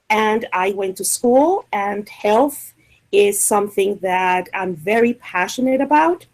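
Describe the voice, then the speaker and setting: A woman from Colombia's Caribbean coast with a Caribbean Spanish accent, a dietitian and diabetes educator answering interview questions in a measured, explanatory way. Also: mid-range voice, a little mellow, low-quality recording.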